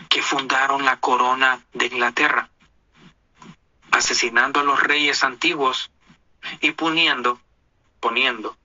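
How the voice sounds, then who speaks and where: A man's voice: mid-range voice, sharp tone, no room sound, muffled recording. A man from Honduras with a Honduran Spanish accent, delivering an indignant, preachy opinion monologue as a commentator.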